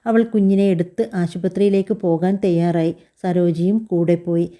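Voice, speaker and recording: A woman narrating a family story in an even, measured, scripted reading. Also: lowish voice.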